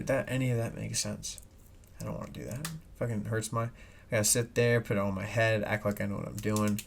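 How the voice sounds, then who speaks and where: A man hosting a solo podcast, rambling and swearing with many restarts, in a slightly nasal voice, with an air filter and ceiling fan humming in the background. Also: mid-range voice. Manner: rambling, profane, full of restarts and asides. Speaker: podcast host. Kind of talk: casual solo podcast rant. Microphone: desk mic, no headphones.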